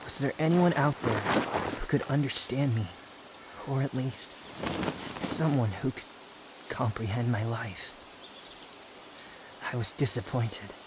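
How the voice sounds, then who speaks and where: A man's voice: mid-range voice, natural voice. Man voicing brooding young Wanderer, outdoor noise behind. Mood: melancholy. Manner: measured, pensive, dramatic pauses. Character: aloof, brooding young male wanderer, haughty yet tender. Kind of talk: intimate roleplay ASMR monologue.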